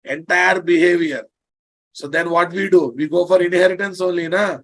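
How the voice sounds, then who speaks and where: This Indian-accented man speaks at an ordinary pace in a high, slightly bright voice with fairly even intonation. Lecturing online as a programming teacher, he teases bluntly, says things more than once, and quizzes listeners to confirm they follow.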